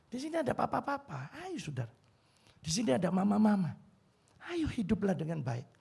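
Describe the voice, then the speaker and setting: A pastor in his fifties preaching a sermon in a church hall, emotional and pleading, swinging from quiet to loud. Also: on the high side, gravelly, breathy edge.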